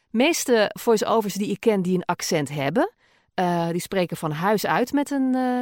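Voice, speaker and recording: A woman's voice: fairly low pitch, no echo, clean studio sound. A podcast host and voice-over artist, a woman with a Gooise R, talking casually with frequent fillers as she answers listener questions. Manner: chatty, many fillers, occasional laughs.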